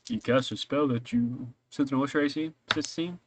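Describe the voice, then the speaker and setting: A man working as game master of a tabletop role-playing game, narrating casually in a halting, hesitant way. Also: mid-range voice, background noise.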